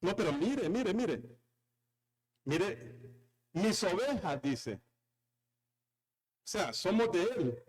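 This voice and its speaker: A man's voice: high-pitched, sing-song, extremely slow, long pauses. A man, preaching a sermon as a pastor, repeating key lines and calling on the congregation to respond. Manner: emphatic preaching with repetition and calls to the congregation.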